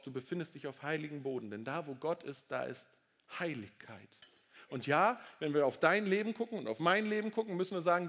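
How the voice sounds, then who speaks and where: A man preaching a sermon, swinging between loud, emphatic declarations and soft, low asides.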